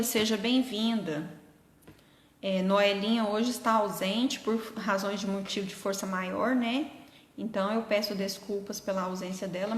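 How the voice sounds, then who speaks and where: A middle-aged woman hosting a live stream, speaking gently and earnestly and answering her viewers' comments. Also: medium pitch. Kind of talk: casual live chat with viewers. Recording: echoey room with long reverb.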